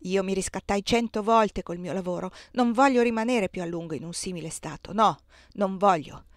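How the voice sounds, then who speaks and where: A woman's voice: medium pitch, fairly quick, no room sound, clean studio sound, natural voice. A woman reading as a bitter, defiant enslaved husband. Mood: bitter, indignant.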